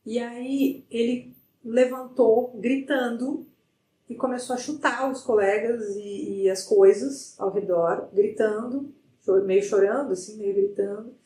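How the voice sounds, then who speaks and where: A middle-aged woman, a psychologist guest, telling a story in a lively way with many restarts. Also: fairly high pitch, measured pace, recorded from a distance. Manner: animated retelling with frequent restarts. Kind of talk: conversational storytelling in an interview. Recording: roomy sound from off the mic.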